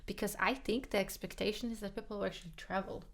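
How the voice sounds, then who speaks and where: A pianist co-hosting a podcast, this woman speaks Georgian as her first language and chats casually and frankly, using many fillers and repeated words. Her medium-pitched voice keeps a steady tone at a quick pace.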